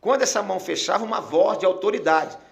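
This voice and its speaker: A middle-aged Brazilian man, a pastor, telling an emotional testimony in a podcast conversation, dropping to a hush as he nears tears. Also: high-pitched, quick pace, creaky. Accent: Brazilian Portuguese. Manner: emotional storyteller, falls quiet and near tears.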